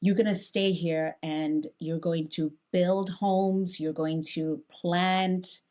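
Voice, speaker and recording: A woman pastor from Hong Kong talks through scripture in a warm, unscripted conversation. Her voice sits a little low, and she thinks aloud, circling back with small restarts. She breaks into lively, animated asides now and then. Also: takes it slowly. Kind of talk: conversational Bible discussion.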